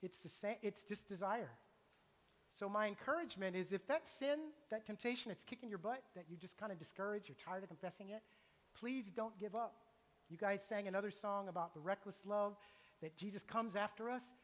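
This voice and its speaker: A man's voice: sits high, fairly quick. Earnest preacher man in echoing church. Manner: earnest, confessional, conversational preaching. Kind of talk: sermon. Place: church sanctuary. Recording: long reverb of a church hall.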